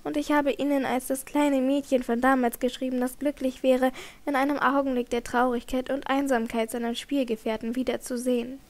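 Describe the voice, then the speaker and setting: In an audiobook, a woman reads a troubled young singer, tense and trembling under pressure. Her voice sits fairly high and carries a brittle edge. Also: flat delivery, fairly quick, a little mellow. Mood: confused gentle. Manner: tense, trembling, icy at times. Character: young female opera singer, troubled and evasive. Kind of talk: audiobook character reading.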